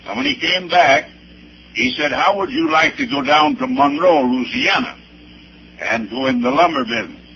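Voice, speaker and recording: A creaky-voiced pastor from Arkansas, 70 or older, delivers a personal testimony sermon-style, halting and deliberate, emphatically spelling out dates and places between anecdotes. His voice is on the high side with huge pitch swings and a fairly bright tone, heard through a dull old recording with faint noise.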